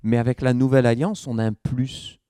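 French-speaking pastor preaching with a dark voice. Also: male voice, fairly quick, clean tone, no room sound, studio quality. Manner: lively preaching, pitch swings up for emphasis, asks the congregation questions. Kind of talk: sermon. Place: church.

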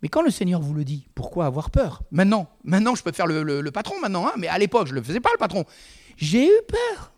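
A man's voice: high-pitched, big pitch swings, rapid-fire, few pauses. A man preaching a sermon in a conversational way, with frequent asides to the congregation.

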